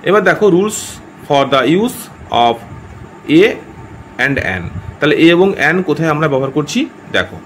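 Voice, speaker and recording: A man's voice: a little high, lively intonation, a little slow, pauses often, fairly bright tone, a little hiss or hum. A man teaching a grammar lesson, often checking in with his listeners and repeating himself as he corrects his wording. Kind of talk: explanatory lesson.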